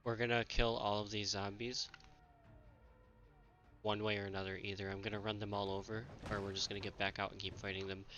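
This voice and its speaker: A man's voice: lowish voice, level tone, brisk, fairly bright tone, lo-fi sound, soft background music. A man streaming a co-op game, chatting casually and urgently directing a teammate. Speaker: streamer playing a co-op zombie game. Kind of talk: casual gameplay chat.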